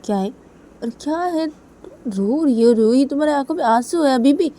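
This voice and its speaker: A woman's voice: medium pitch, unhurried, dark tone. A woman voicing an anxious young woman who keeps coaxing her crying partner with repeated questions. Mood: pleading.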